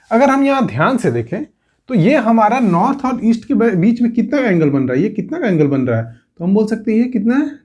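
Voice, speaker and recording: Lively Hindi-speaking male coaching teacher. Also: high voice. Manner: repeats "theek hai" and asks the class rhetorical questions. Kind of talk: exam coaching lesson.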